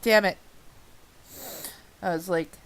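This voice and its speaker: A woman with a smooth, steady voice on the low side reads a fan-fiction audio drama slowly. The clip is a blooper reel in which she keeps fumbling lines, swearing, and laughing at her own errors, exasperated and self-mocking.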